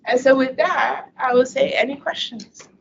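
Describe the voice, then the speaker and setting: A woman's voice: high voice, moderate pace, creaky. A woman physician giving a case-based medical lecture in a chatty, anecdotal storytelling manner. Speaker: infectious disease physician lecturing. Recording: dull lo-fi audio with faint hiss.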